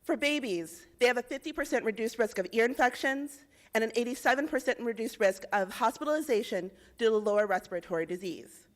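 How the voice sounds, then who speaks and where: Young woman from indiana doing a policy pitch, kinda high voice, clear and measured. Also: animated. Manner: clear, measured, persuasive delivery of figures. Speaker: presenter in a policy pitch competition. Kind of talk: rehearsed pitch presentation.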